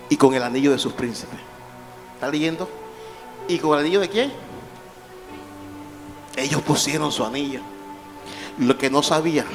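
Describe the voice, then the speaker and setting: A man preaching a sermon as pastor in a church, calling on the congregation to answer and rising to shouts. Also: mid-range voice. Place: church sanctuary. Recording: live church hall with long reverb and faint music.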